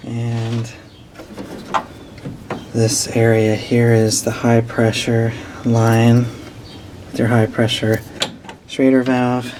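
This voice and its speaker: Slow, flat-voiced man explaining a repair. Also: medium pitch, noisy background. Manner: plain, explanatory, thinking aloud as he works. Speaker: DIY mechanic. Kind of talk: hands-on repair walkthrough. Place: working in a vehicle's engine bay.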